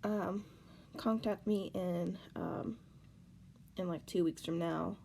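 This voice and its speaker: A woman talking to camera while upset and crying, halting, repeating herself and sighing. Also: fairly low pitch, creaky, dark tone, slight background noise. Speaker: vlogger. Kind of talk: tearful personal reaction vlog.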